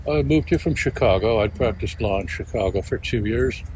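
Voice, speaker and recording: An older retired attorney recalling an old case in an interview, speaking in a measured, hesitant way with many pauses. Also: male voice, medium pitch. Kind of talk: interview recollection. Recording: outdoor noise of traffic.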